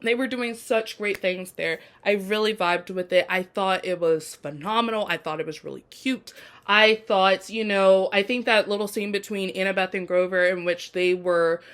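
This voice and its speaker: A woman's voice: medium pitch, normal speed, a bit bright. A young woman giving a gushing, rambling casual review, full of "like" and "y'all". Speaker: TV episode reviewer. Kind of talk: casual chat.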